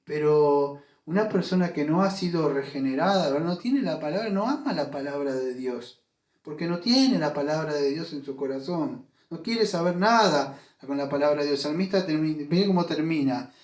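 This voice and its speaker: A male pastor delivers an emphatic sermon with a notably high voice. He keeps asking his congregation rhetorical questions and tagging sentences with a quick "eh?". The room sounds large and echoey, like a church sanctuary. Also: darkish tone. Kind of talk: Spanish-language sermon.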